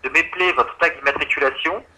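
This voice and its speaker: On a tinny phone line, a male insurance agent handles a customer service call, explaining things with patience and politeness. He talks fast, in a sharp, higher-pitched voice.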